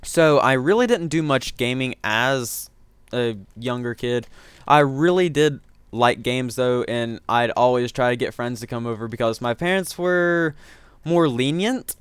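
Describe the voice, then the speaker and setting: A gaming commentator gives rambling let's-play commentary, correcting himself as he goes, his voice strained from being sick. He speaks unhurriedly in a mid-range voice with a clean tone, and there's no room sound.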